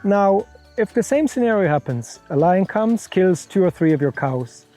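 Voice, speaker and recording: A man's voice: high voice, animated, moderate pace, dark tone, soft background music. A middle-aged man from Europe, founder of a conservation center, answering interview questions frankly and laying out worked examples.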